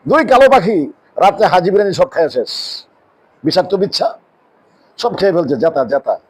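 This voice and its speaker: A man preaching a sermon in a mosque. He asks rhetorical questions and answers them himself, and drops his voice low on key words. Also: lively intonation, a little fast, a little mellow, slightly rough, low-quality recording. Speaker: Islamic preacher.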